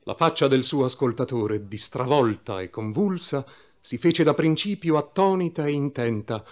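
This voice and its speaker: A man reading a classic novel aloud in a measured, solemn narration. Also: medium pitch, darkish tone. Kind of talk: literary audiobook reading.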